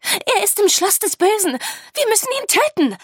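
A woman voicing a vain, excitable teenage girl who talks breathlessly and turns shrill when upset. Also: measured pace, dry recording, studio quality. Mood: urgent.

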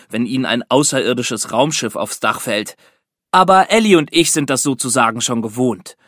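A man narrating a children's book in a lively, expressive storytelling manner. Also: mid-range voice, dry recording, studio quality. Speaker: audiobook narrator.

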